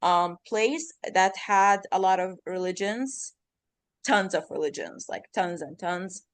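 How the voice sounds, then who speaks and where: An Iraqi woman in her thirties, a native Arabic speaker, chats as a podcast guest in a slow, mid-range voice. She rambles, uses plenty of fillers, and keeps correcting herself mid-sentence, and the recording is dry.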